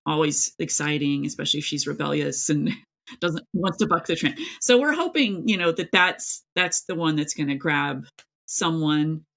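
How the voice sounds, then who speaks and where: A middle-aged author from East Tennessee, United States, chats as a guest in a casual interview, talking emphatically and telling things in a rambling way. Her deep voice is creaky and fairly bright, with lively intonation, and she speaks at normal speed.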